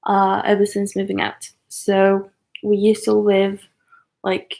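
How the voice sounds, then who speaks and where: A young woman in her twenties chats on a livestream from her apartment, talking slowly and unhurriedly. Her voice has a gravelly, creaky edge, and she hesitates often, leaning on fillers and small apologies. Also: mid-range voice, completely flat delivery, darkish tone. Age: 20s. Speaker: YouTuber on a livestream. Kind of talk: casual livestream chat.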